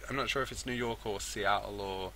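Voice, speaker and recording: A man playing through a story game, reading the text aloud and breaking off into rambling asides. His voice is on the lower side, with a sharp, tense brightness. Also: steady tone, fairly quick. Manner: rambling, self-correcting asides. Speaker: let's play host. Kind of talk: game playthrough, reading and commentary.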